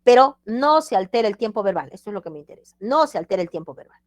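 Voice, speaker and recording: A woman's voice: medium pitch, very animated, quick pace, no room sound, studio quality. A woman teacher giving a grammar lesson, emphatic and repeating examples with checks like "ready?". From Peru.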